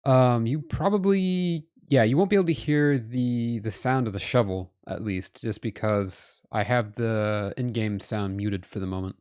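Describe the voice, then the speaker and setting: A man's voice: medium pitch, measured pace, hardly any pauses, smooth. A man chatting casually with viewers during a live game stream, self-deprecating and talking straight to chat. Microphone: headphones with desk mic. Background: soft background music.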